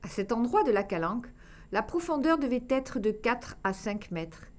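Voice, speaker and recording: A woman reading a children's tale aloud, expressive and dropping to a hush for dramatic passages. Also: fairly high pitch, normal speed. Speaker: storyteller.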